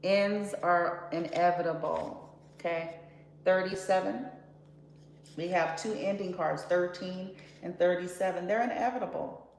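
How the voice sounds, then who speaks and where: A woman's voice: on the low side, a little slow, darkish tone. A woman giving a casual tarot reading in a blunt, profane, sassy way. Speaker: tarot card reader. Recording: roomy echo with faint background noise.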